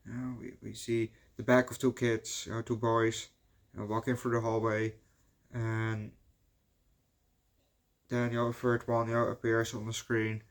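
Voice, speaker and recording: A native Dutch speaker from the Netherlands rambles casually through a movie review in a Dutch accent, swearing a lot and filling pauses with "you know." His voice is medium-pitched and monotone.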